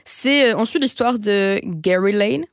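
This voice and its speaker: A woman's voice: mid-range voice, a little slow, no room sound. Casting: young woman, casual film chat, chatty, dry close recording. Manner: chatty, filler-laden, laughs at herself.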